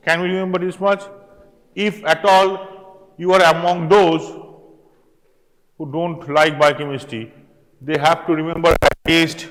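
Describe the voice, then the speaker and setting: A man's voice: fairly high pitch, fairly bright tone, in a large hall. A man with a Bengali accent giving a medical college lecture, quizzing students with rhetorical questions and joking asides. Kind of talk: classroom lecture mixing Bengali and English. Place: lecture hall.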